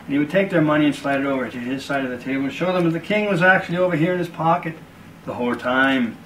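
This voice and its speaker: A man with a slightly higher voice spins a slow, deliberate story as he does a card trick. He is a bit distant from the mic. A faint hiss of background noise sits behind him. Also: a bit bright. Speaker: magician.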